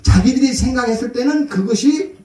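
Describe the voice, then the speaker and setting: Middle-aged male pastor, folksy storyteller, high lively voice, far off in an echoey hall. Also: brisk. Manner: folksy storytelling, acts out his mother's voice. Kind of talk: sermon. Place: church.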